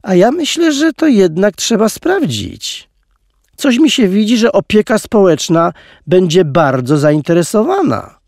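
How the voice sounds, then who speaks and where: A man's voice: sits high, sing-song, measured pace, a little mellow, no echo, studio quality, pitched above the performer's own voice, heavily acted. A man voicing a plump, red-haired male guard who is petty and bullying, with a sneering, hissing delivery. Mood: menacing.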